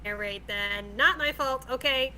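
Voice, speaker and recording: Female guest, giggly storyteller, high and bright tone, mild background hiss. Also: measured pace. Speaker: guest friend. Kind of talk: casual chat on a stream.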